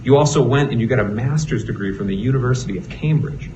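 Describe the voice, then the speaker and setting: In a courtroom, a Boston-accented attorney from the Northeastern United States cross-examines a witness, pressing with frequent tag questions. His mid-range voice moves at a quick pace, and the recording is noisy and muffled.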